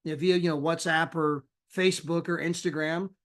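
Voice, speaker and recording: Chatty man pitching a membership. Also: fairly even intonation, a little fast, a bit bright. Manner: chatty, peppers talk with "right?" and "you know". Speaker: sales presenter. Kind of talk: screen-share sales presentation.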